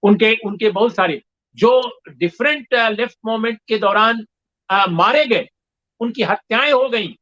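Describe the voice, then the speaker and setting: A man speaking as a guest in a discussion, measured and emphatic, pausing often with fillers as he builds his argument. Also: sits high, bright, forceful tone. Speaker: guest commentator. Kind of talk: discussion interview. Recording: dull lo-fi sound.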